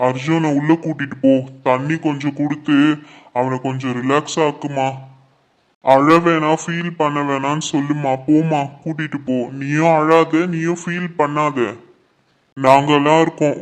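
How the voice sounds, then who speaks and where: A man playing a calm elder of the family who patiently consoles and advises. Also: on the high side, moderate pace, lightly acted. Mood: consoling.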